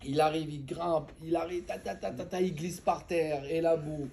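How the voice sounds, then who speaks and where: A man with a high voice teaches a relaxed religious lesson, telling a parable in lively, slangy speech. He jokes with the people around him as he goes. Faint noise sits under his voice. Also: moderate pace, gravelly. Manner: animated, slangy and joking with listeners. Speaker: Torah teacher. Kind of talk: casual storytelling lesson.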